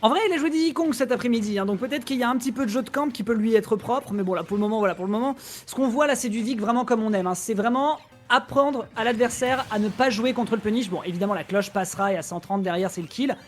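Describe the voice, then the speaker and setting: Caster rattling off fast analysis, quick corrections, faint game music under it. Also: medium pitch. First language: Italian. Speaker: co-commentator. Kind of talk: esports play-by-play commentary.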